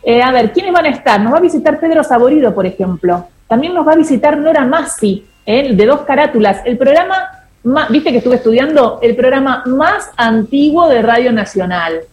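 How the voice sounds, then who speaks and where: Lively Argentine woman radio host. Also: high-pitched, normal speed. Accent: Argentine Spanish. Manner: lively, announcing a program lineup. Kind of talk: casual on-air radio chat. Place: radio studio. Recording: roomy studio echo.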